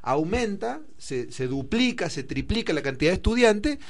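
A man's voice: high-pitched, sing-song, moderate pace. Argentine man explaining school figures. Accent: Argentine Spanish. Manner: explains with many figures and fillers, thinks aloud. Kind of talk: explanatory discussion.

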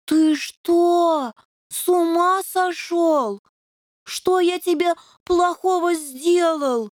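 A woman voicing a young male plasticine imp, a meek pacifist, talking hesitantly and slowly. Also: high voice, a little mellow, no room sound, studio quality. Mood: timid.

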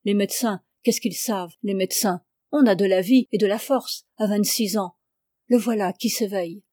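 A woman reading as a gruff old peasant nurse. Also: mid-range voice, moderate pace, mellow, dry recording, clean studio sound, lightly acted. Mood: scornful. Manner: blunt, grumbling, tenderly protective.

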